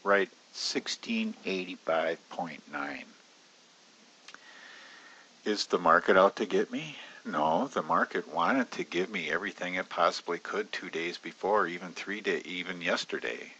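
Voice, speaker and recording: Unhurried but forceful, this man's bright voice has lively intonation and a breathy edge, heard through dull audio. Teaching options trading in a screen-recorded walkthrough, he chats casually about a trade with plenty of fillers and flares into high-pitched alarm as he relives his panic.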